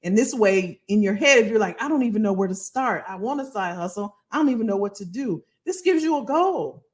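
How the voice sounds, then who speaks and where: An animated woman speaks in as she hosts a casual livestream as a financial coach. Her pitch swings widely, and her voice sits at a middle height for a woman. She talks colloquially and drives points home by repeating phrases. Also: brisk. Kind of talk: casual livestream talk to viewers.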